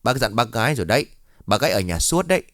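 A man's voice: medium pitch, sing-song, quick pace, fairly bright tone, no room sound, studio quality. A man doing a chatty, fretful older villager. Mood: friendly. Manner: chatty, fond and worried.

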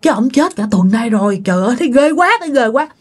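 A woman's voice: on the high side, expressive, quick pace, husky. A woman doing frightened stammering parents. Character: scared parents telling their child it was a ghost.

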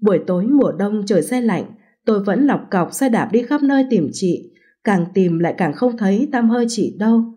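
A woman narrating a first-person story as an audiobook, in an even, unhurried way. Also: medium pitch, breathy edge.

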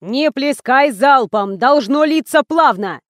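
A loud, explosive little man bellows orders and insults at his crew, drawn-out and bullying, as a woman narrator puts him on. The voice sits high and the recording is dry and close. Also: animated, no room sound. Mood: yelling. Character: fat little bossy male ad producer.

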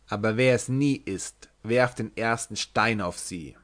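A man voicing a melancholy, strong young Irishman who murmurs quietly in a low voice. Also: a little slow. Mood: murmuring.

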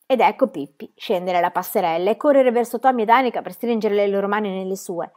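A woman's voice: mid-range voice, quick pace. Woman reading a storybook aloud. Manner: calm, expressive narration. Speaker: reader.

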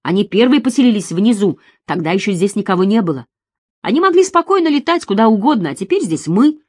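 A frail, frightened young woman pleads from somewhere far below, as a woman reader puts her on. Her voice lifts higher and swings widely between fear and weariness. The reading is dry and close. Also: big pitch swings, fast talker, no echo. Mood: weary. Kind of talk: audiobook reading.

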